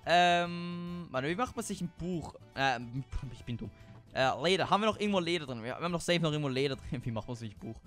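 A man's voice: fairly high pitch, animated, fast talker, fairly bright tone, faint music behind. Rambling young man narrating his gameplay. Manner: rambling, many fillers and self-talk. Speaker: gaming video host. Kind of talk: casual let's play commentary.

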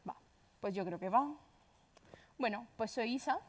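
A woman with an Andalusian accent talks to a conference audience. She speaks quickly and casually, with a self-deprecating tone. Her voice sits a little high. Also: a little hiss or hum. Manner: fast, chatty, self-deprecating. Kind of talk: conference talk.

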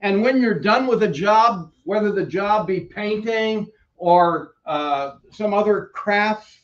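An older pastor with a New York accent preaches in a church sanctuary, his voice pitched high for a man. He talks slowly and conversationally, with casual asides, moving around near a stand mic. The sound is slightly dull. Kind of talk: sermon. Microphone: stand mic at pulpit, preacher moving about.

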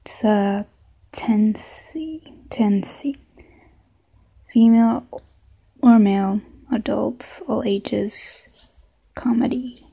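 A woman talking casually and hesitantly, in a low-key way, as an amateur script reader. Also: drawn-out words, gravelly, pauses often, warm tone, slightly rough, low-quality recording. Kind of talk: casual screen-recording vlog.

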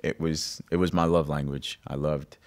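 A man in his thirties, born in Greece, speaking reflectively with halting restarts as a musician guest interviewed in a recording studio. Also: rumbling low, flat delivery. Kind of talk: conversational interview. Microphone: studio condenser mic on stand.

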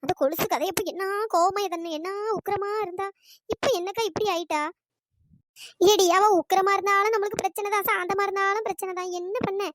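Shrill squeaky cartoon village gossip, voiced by a performer. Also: fairly even intonation, brisk, a bit bright, dry recording. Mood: worried. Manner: shrill, scolding, teasing calls. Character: sharp-tongued village women gossiping, loud and teasing. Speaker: cartoon characters. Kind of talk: cartoon comedy dialogue.

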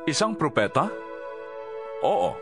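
A man voicing Jesus as a calm, authoritative teacher in an audio Bible drama, speaking in a solemn, measured way. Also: on the high side, exaggerated voice. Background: music.

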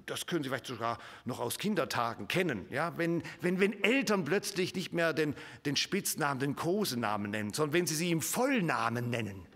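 Husky, animated male preacher in a reverberant hall. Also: on the high side, a little fast, few pauses. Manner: dramatic swings from whispers to emphatic raised lines; addresses the congregation directly with rhetorical questions. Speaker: pastor. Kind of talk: sermon.

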